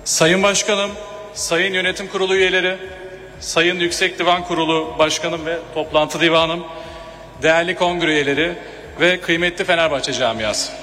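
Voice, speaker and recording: A man speaking from a podium microphone in a large hall as he addresses a general assembly. He delivers a formal, measured speech with hesitating fillers. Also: on the high side, steady tone, sharp tone. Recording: long hall reverb, faint room noise.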